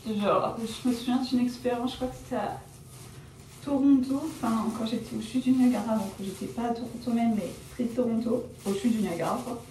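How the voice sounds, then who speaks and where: A young vlogger chats casually at home while dyeing her hair, her voice a little high, a little fast and dark-toned. She rambles and corrects herself with plenty of fillers like "genre" and "euh," describing herself as shy and reserved. The indoor recording is roomy and off-mic, with faint ambience and a little hiss or hum.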